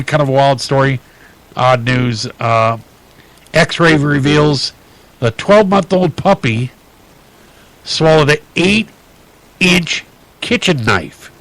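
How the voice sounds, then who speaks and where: A man hosting a radio talk show, reading odd news stories aloud in a chatty, halting way with many fillers and restarts. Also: medium pitch, fairly bright tone, poor audio.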